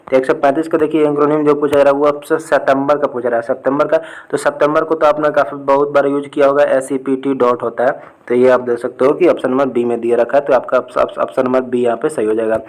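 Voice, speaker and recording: A man's voice: mid-range voice, low-quality recording. A young man tutoring students through exam answers in a casual lesson, checking in with "okay" after nearly every point. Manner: repeats "ठीक है" often, talks students through answers.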